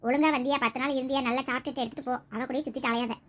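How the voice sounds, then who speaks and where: A woman doing a grumbling Tirunelveli mother-in-law, fast sharp nagging. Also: sits high, steady tone, pitched below the performer's own voice, natural voice. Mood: scolding. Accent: Tirunelveli Tamil. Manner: scolding, bossy. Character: harsh scolding middle-aged mother-in-law.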